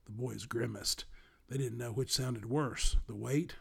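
A man reading a children's story aloud as the storyteller. His voice is gravelly, with a husky edge. He narrates calmly and evenly. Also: mid-range voice, a little slow.

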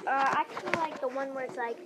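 A woman's voice: sits high, fast. A young girl leading a casual home podcast chat, hesitant and steering the talk. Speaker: podcast co-host. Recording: loud background noise.

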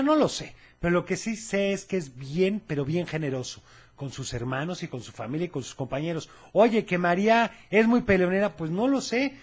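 A man hosting a children's radio show, cheerful and talking straight to the kids. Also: sits high.

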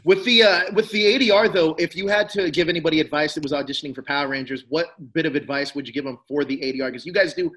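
A man's voice: fairly high pitch, fast, few pauses, a bit bright, poor audio. A man hosting a casual interview, asking eager follow-up questions. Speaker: podcast host.

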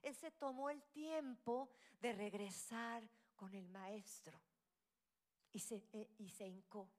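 A woman, middle-aged, preaching a sermon, her delivery swinging between loud cries and hushed whispered asides. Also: medium pitch, slow.

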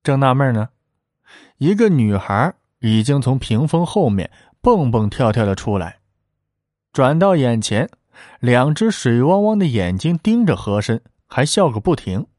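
A man narrating a historical tale in traditional storytelling style, animated and dramatic. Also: medium pitch, a little slow, dry recording, clean studio sound.

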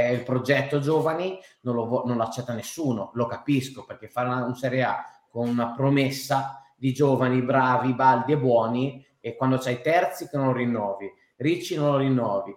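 A man with a mid-pitched voice argues about football in a casual panel chat. His delivery is emphatic and exasperated, peppered with swearing. The sound is roomy, with clear echo around the voice. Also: normal speed, hardly any pauses. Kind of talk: casual heated football discussion. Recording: roomy, echoing room sound.

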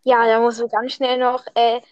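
A woman's voice: a little high, monotone, moderate pace, no echo. A woman chatting playfully on a podcast in slangy, hyped talk. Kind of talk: casual podcast chat. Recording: dull dry lo-fi sound.

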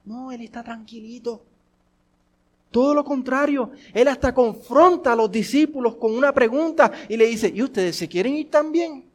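Preaching to his congregation at a normal speed, a high-voiced pastor repeats rhetorical questions and shifts from forceful delivery to almost hushed tones.

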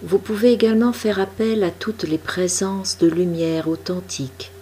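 A woman leading a guided meditation, giving soft, calm instructions. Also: medium pitch, normal speed, slight background noise.

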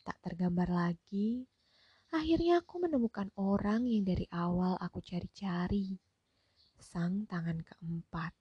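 A woman narrating a story in Indonesian in a soft, often half-whispered voice. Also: on the low side, unhurried, breathy edge, no room sound, highs cut off. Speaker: audiobook narrator. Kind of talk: slow hushed story narration.

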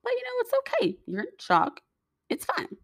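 A woman's voice: very high-pitched, wildly swooping pitch, normal speed, creaky, voice pushed up, full character voice. A woman quoting a patient female clinic worker in a storytime vlog, soothing and matter-of-fact.

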